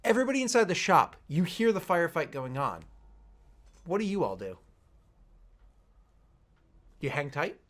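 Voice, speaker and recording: A man narrating a tabletop game as game master, casual and improvised, in an animated storytelling way. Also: fairly high pitch, moderate pace, long pauses. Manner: animated storytelling with vocal sound effects.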